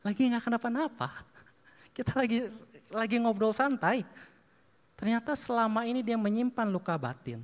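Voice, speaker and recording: A male preacher telling stories in a sermon, lively, acting out dialogue and laughing often. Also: extremely high pitch, normal speed. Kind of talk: sermon storytelling. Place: church hall. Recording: long reverb of a church hall.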